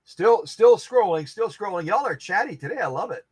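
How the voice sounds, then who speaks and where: A man's voice: high-pitched, animated, normal speed, a little mellow, slightly rough, no echo. A man hosting a casual livestream, playfully reading out and answering viewer comments, often repeating himself. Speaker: host of a sewing machine restoration channel.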